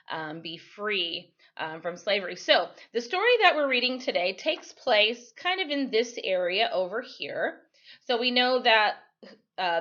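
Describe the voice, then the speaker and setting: Reading a storybook aloud to students, an American woman teaches informally, adding explanations and frequently correcting herself. She has a medium-pitched, fairly bright voice, and the computer-microphone recording is lo-fi.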